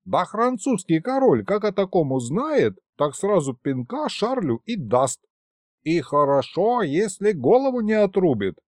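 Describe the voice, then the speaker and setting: A man voicing a cantankerous old grandfather who shouts and grumbles in folksy, old-fashioned speech. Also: high voice, big pitch swings, measured pace, no echo, clean studio sound, pitched above the performer's own voice. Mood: lecturing.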